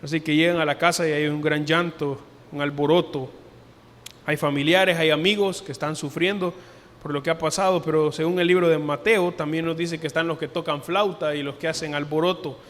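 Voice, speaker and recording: A man preaching a sermon as pastor, earnest, lifting his voice for emphasis and dropping it softly for quoted words. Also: a little high, steady tone, brisk. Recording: long hall reverb.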